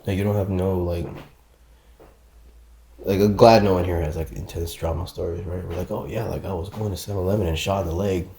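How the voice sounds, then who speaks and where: A man's voice: low voice, fairly even intonation, fairly quick, mellow, slight background noise. A man guest on a podcast, telling a story in casual slangy chat and laughing along. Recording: echoey room.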